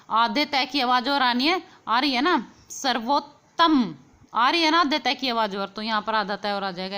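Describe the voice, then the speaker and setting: A woman's voice: on the high side, sharp tone. A young woman teaching an exam quiz lesson online, explaining patiently, repeating key points and putting questions to the viewer.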